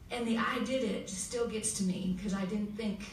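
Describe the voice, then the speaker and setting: Emotional woman panelist in echoey hall. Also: mid-range voice. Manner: emotional, heartfelt storytelling with many pauses. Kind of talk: personal story at a panel. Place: school hall with audience. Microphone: table mic heard from far camera. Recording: echoey hall from far off, faint noise.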